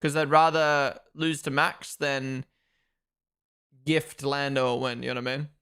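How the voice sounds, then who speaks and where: A man's voice: medium pitch, level tone, a little slow, fairly bright tone, smooth. A young man from Australia and New Zealand hosting a live race watchalong, giving chatty, opinionated commentary and talking to his chat.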